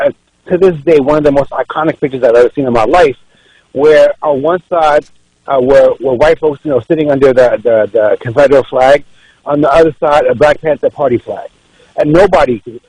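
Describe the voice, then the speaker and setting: A man's voice: fairly high pitch, a little mellow, breathy edge, no echo, low-quality recording. A man from Ethiopia, a political candidate guesting on a radio show, making his case earnestly and often repeating words as he restarts. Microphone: radio studio microphone.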